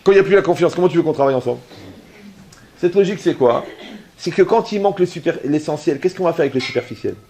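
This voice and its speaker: A man with a slightly high voice delivers a rabbi's sermon to an audience at a quick pace. He tells lively stories full of acted-out dialogue and jokes, often checking whether his listeners are following him.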